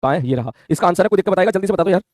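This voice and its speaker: A man teaching a physics lesson online, talking in a quick, colloquial way and checking in with his students constantly. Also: sits high, lively intonation, a little mellow, no room sound, studio quality. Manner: rapid colloquial Hindi, calls students "mere bhai", frequent "theek hai".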